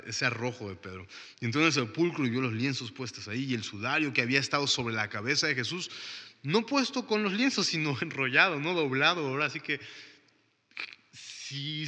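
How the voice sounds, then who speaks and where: A man's voice: medium pitch, pushed and bright, big-room sound. A man giving a casual Bible study, talking in a conversational way and acting out the people in the story. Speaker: Bible teacher.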